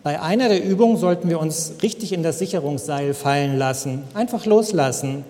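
Earnest high-voiced male preacher. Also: expressive, a little fast. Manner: earnest, gentle, encouraging. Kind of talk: sermon with storytelling. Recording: long hall reverb.

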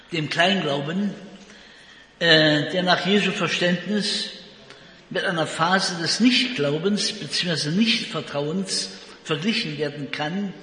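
A man preaching a sermon in a slow, deliberate and emphatic way, recorded in a large reverberant hall. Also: on the high side, sharp tone.

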